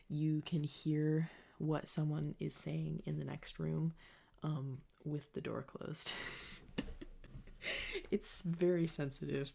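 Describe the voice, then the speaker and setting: A young woman whispers into a close desk microphone in her bedroom, rambling and self-deprecating. Her low voice is breathy and full of vocal fry, with a dark, mellow tone. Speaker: music student keeping a video diary. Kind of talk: whispered diary vlog. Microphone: close condenser desk mic.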